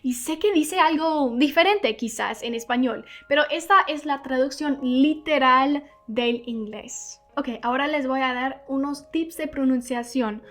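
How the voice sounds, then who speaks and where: High-voiced woman, patient language teacher. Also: fairly bright tone. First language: English. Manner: patient, step-by-step explaining. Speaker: English teacher. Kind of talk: Bible-based pronunciation lesson.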